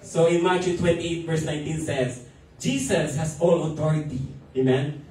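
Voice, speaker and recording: High-voiced Filipino pastor in an echoey hall. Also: male voice, measured pace, a little mellow, recorded from a distance, faint music behind. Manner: switches between Filipino and English, chuckles often. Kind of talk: testimony sermon. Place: church hall.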